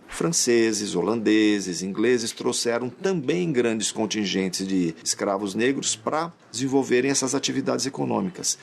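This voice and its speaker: Gravelly, husky man explaining history. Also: medium pitch. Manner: explanatory, conversational. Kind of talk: explanatory interview.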